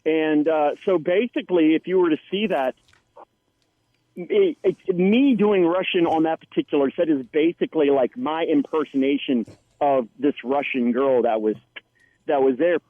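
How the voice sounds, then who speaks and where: Actor guy telling stories on a tinny dry phone-like line, kinda high voice. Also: moderate pace, no room sound. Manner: animated storyteller, quotes others. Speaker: actor and guest. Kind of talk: casual interview chat.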